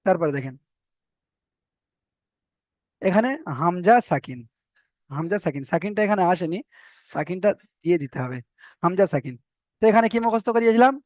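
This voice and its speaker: A man's voice: high voice, expressive, normal speed, long pauses, a little mellow, dry recording. A man teaching a Quran recitation class, repeating letters and rules again and again for students to memorize. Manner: repetitive, drills letters and rules aloud. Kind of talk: online tajweed lesson. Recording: dry, dull lo-fi sound.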